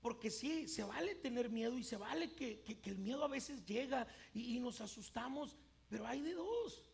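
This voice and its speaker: A male pastor preaching a sermon emphatically, swinging between loud and hushed, with occasional stumbles and repeated words. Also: extremely high pitch, lively intonation, normal speed, creaky.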